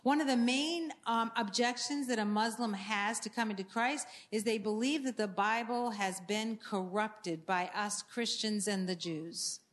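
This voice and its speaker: Her voice is mid-range and a little slow, with few pauses. Promoting books in an earnest church talk about ministry resources, this Maine woman often uses fillers and restarts her sentences.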